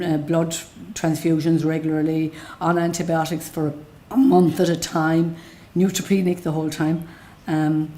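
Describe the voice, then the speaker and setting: A woman's voice: low voice, warm tone. A middle-aged woman with a west of Ireland accent giving an unscripted personal account in a plain-spoken, matter-of-fact way. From Galway, west of Ireland. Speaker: patient telling their own story.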